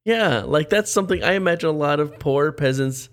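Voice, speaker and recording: A man's voice: on the high side, a little fast. A man hosting a podcast in casual chat, playful and laughing often. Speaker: podcast host.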